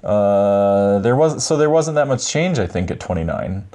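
A man in his thirties co-hosting a podcast, chatting casually in a laid-back, rambling way with many pauses. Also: fairly low pitch, lively intonation, mellow. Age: 30s. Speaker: podcast co-host. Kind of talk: casual chat.

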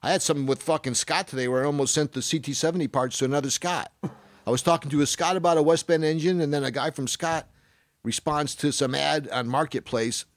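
Older male podcast host in his sixties: loose, rambling storyteller with a slightly raised pitch, close and dry. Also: fairly even intonation, fast talker, no room sound. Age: 60s. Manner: rambling storyteller, swears freely, acts out quotes. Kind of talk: casual podcast chat.

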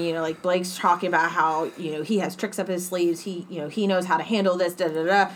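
A woman telling a story in casual chat, animated and swearing freely. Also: fairly low pitch.

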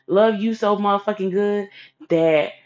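A woman's voice: medium pitch, a little slow, a little mellow. A woman giving blunt, sassy, profanity-heavy advice in a casual vlog rant. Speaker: advice vlogger. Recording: dull lo-fi recording.

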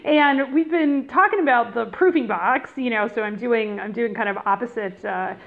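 A woman's voice: fairly high pitch, moderate pace, gravelly. A woman hosting a casual educational podcast in a chatty, informal way, addressing listeners directly, recorded through headphones used as a mic. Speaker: podcast host. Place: room in a rental house. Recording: thin phone-like sound from headphone mic.

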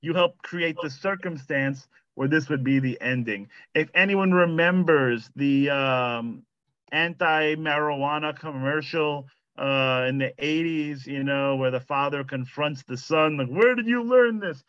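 A rabbi in his thirties leads a Torah study in an easy, meandering way, circling back with plenty of "you know." His voice is high-set and bright. It is recorded close and dry, with slightly dull, lo-fi sound. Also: fairly even intonation, a little slow, clear, resonant tone, dry recording. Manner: conversational, lots of "you know" and restarts. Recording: slightly muffled lo-fi audio.

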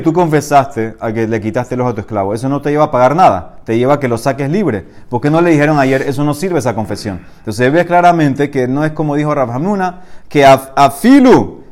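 Guy giving a talmud class, reads the text then breaks it down, gets loud and emphatic arguing a point. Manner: reads Aramaic text aloud, then explains it in Spanish; emphatic, rising to a louder higher voice when arguing a point. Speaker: Talmud teacher.

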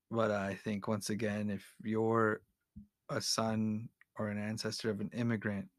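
Low, creaky-voiced man talking candidly. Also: dry recording, clean studio sound. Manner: hesitant, many fillers and restarts; candid, opinionated. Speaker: podcast guest. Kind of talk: casual interview conversation.

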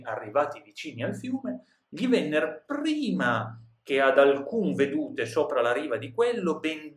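A man teaches a classic story, reading a passage of old prose and then explaining it in plain modern speech. His voice moves up and down with a lot of life and he often tags his sentences with a questioning "no?". The recording sounds roomy, with a noticeable echo. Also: medium pitch. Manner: reads old text then restates it in everyday words, often adds "no?". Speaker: literature teacher. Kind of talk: reading and paraphrasing a classic tale for a lesson.

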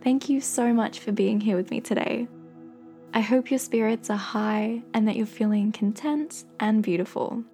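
Woman, meditation host, higher-pitched, soft and warm tone, slow encouraging delivery, soothing narration. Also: faint music behind. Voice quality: soft, breathy.

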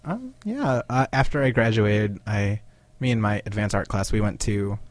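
A woman radio guest with soft, understated delivery and dry humor. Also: very deep voice, lively intonation, moderate pace, no room sound.

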